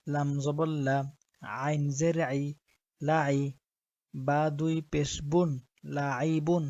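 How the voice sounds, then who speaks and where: A man teaching Quran reading, spelling out letters and syllables slowly and deliberately, one at a time. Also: on the high side, flat delivery, darkish tone, dry recording, muffled recording. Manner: slow, deliberate letter-by-letter drilling. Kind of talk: slow spelling-out lesson.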